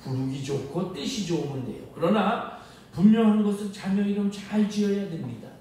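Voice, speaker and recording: A male pastor preaching a sermon, acting out quoted inner voices with rising pitch. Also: lively intonation, normal speed, dark tone. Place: church sanctuary. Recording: echoey church hall, voice from far off, faint ambience.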